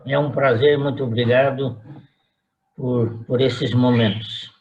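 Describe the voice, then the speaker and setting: A man in his eighties from São Paulo, with a Paulistano accent, recalling his family history slowly and deliberately in an interview. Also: medium pitch, steady tone, a little mellow, muffled recording, slight background noise. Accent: Paulistano Brazilian Portuguese. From São Paulo, Brazil. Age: 80s. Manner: slow, deliberate recollection. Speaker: retired pastor.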